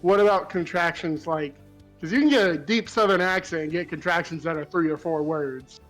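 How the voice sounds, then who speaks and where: A man's voice: fairly high pitch, moderate pace, a bit bright, soft background music, low-quality recording. A man playing in a live tabletop game, asking playful, teasing rules questions. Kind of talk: casual live game chat.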